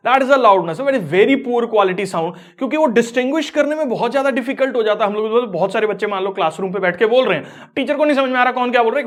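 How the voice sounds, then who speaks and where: A man teaching a school physics lesson, explaining terms step by step. He mixes terms into his talk. He leans on the same filler phrases again and again. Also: very high-pitched.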